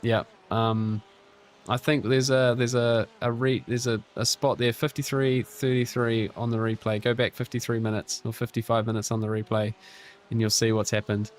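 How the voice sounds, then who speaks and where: A man hosting a casual live stream, chatting with viewers and a teammate in a relaxed way, full of restarts and fillers. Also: medium pitch, normal speed. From New Zealand. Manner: relaxed and chatty, with frequent restarts and fillers while reading chat aloud; friendly, encouraging teammate. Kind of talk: casual live-stream chat over sim racing.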